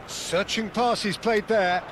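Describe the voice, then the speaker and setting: A man giving broadcast-style football play-by-play commentary in a lively, energetic manner. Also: sits high, slow pace, noisy background. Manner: lively, building to excited calls.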